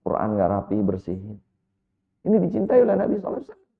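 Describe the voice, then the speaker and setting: A man preaching as an Islamic preacher, telling a story with lively, repeated direct address to his listeners. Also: on the low side, very fast, vocal fry. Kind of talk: sermon. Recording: echoey hall over a tinny line.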